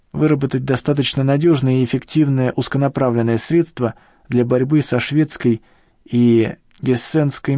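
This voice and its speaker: This dry studio recording has no room sound and features a man's dark voice, close to how he normally talks. As an audiobook reader, he plays an elderly professor who grumbles, complains, and gets defensive and rueful, raising his pitch above his natural one.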